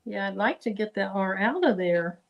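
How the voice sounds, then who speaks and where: A woman's voice: medium pitch, normal speed, muffled recording. A woman talking casually over a video call while she works on a craft project, thinking aloud as she goes. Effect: heard over a video call. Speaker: guest crafter. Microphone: computer microphone on a video call.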